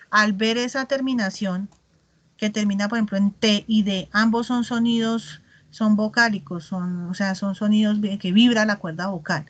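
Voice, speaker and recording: Patient woman teaching online. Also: mid-range voice. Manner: patient, explanatory, modeling English words slowly. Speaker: English teacher. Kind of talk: online class explanation. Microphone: video call.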